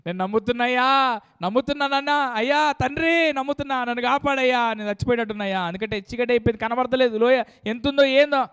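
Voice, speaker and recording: A man's voice: extremely high pitch, quick pace, a bit bright, smooth. A man acting out a desperate man hanging from a branch over a valley, pleading frantically to be saved.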